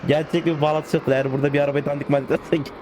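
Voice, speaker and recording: Guy doing casual gameplay commentary, hyped, jokey, yells at the cars, loud engine noise behind. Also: on the high side, rapid-fire. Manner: excitable, joking, talks to the game cars and swears playfully. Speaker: gaming YouTuber. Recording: game car sounds in the background. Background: game engine and car noise.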